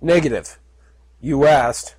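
A flat, obedient machine voice from a suit, as a man puts it on, speaking in clipped, mechanical statements. The sound is husky and dry. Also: mid-range voice, slow, no room sound, rough recording.

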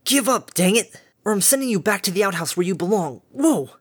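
A man voicing a brash, sarcastic adult female pegasus pony who yells taunts and mild curses. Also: high voice, big pitch swings, slow pace, slightly rough, dry recording, studio quality, voice pushed up, full character voice. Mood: brash, taunting. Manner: loud, sarcastic, cursing mildly.

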